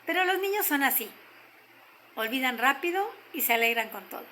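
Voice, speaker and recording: An older woman with a Mexican accent telling a story gently, slowing down to stress key moments. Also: high voice, lively intonation, slight background noise, rough recording. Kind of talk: told story.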